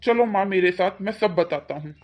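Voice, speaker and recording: A woman's voice: medium pitch, moderate pace, lightly acted. A woman playing a weak-willed cartoon father. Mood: stern. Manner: coaxing, then scolding. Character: weak-willed father and husband, easily swayed.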